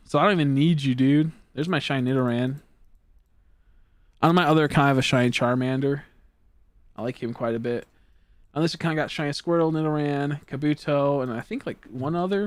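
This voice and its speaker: A man's voice: medium pitch, dry recording. Rambling teenage boy streamer, dry sound. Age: teens. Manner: rambling, trailing off into mumbles. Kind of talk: casual chat while gaming.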